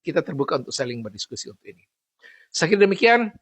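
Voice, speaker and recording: A man with a somewhat high voice gives a patient recitation lesson. He repeats key words again and again, slowly chanting each example. The sound is dry and close, with no room echo. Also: big pitch swings, fairly bright tone, slightly rough. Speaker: Quran recitation teacher. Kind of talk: instructional talk on recitation.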